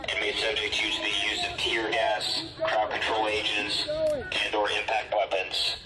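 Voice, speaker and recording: A man, a police officer, giving firm, formal riot dispersal warnings blasted through a loudspeaker sound cannon, heard echoing outdoors. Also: fairly low pitch, expressive. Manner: firm, measured, formal commands.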